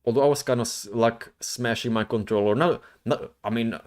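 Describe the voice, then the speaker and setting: A man with a middle-range voice hosts a casual livestream. He rambles in loose, slangy speech, often halting and circling back before he finishes a thought. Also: mid-range voice, darkish tone. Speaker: streamer, VTuber host.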